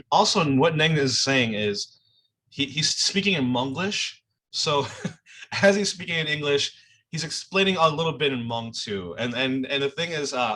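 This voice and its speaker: A man's voice: medium pitch, bright, forceful tone. A man teaching an online class, explaining a played clip in a casual way with many restarts and check-ins. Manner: talks in loose restarts and checks in with "okay?" and "all right?".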